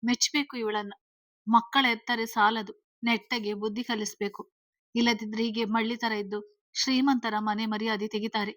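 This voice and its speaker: A woman's voice: a little high, flat delivery, normal speed, fairly bright tone, no room sound, far from the mic, lightly acted. A woman voicing a spiteful rich aunt who taunts the family in a sarcastic, sneering way. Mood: taunting.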